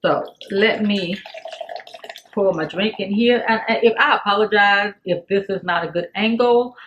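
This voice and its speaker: A woman's voice: medium pitch, measured pace, dull audio. Chatty woman vlogging at home. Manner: chatty, animated, talks straight to viewers as "y'all". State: out of breath. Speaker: food vlogger. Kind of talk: casual mukbang chat to camera.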